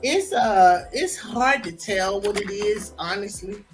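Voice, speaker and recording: A woman's voice: medium pitch, slow pace, over music, low-quality recording. A woman hosting a crafting livestream, chatting casually and talking to her viewers as she works. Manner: relaxed, chatty, talks to viewers. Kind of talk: casual chat while crafting.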